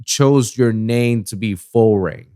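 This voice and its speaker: A man's voice: on the low side, slow, warm tone, clear, resonant tone, no echo, clean studio sound. Easygoing man hosting a podcast. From Puerto Rico. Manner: easygoing, slangy, says "bro" and "man". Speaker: podcast host. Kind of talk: casual podcast conversation.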